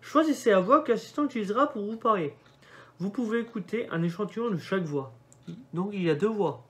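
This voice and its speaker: A man's voice: high voice, animated, brisk, a bit bright. Young man reading setup screens aloud. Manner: reads setup prompts aloud and mutters asides. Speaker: vlogger doing a device setup. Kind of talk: casual screen-by-screen commentary.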